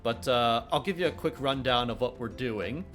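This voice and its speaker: A man's voice: mid-range voice, moderate pace, fairly bright tone. Rambling man streaming his game dev. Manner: rambling, full of filler sounds and restarts; jokey, reads chat questions aloud and answers them. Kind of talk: casual livestream chat. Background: faint background music.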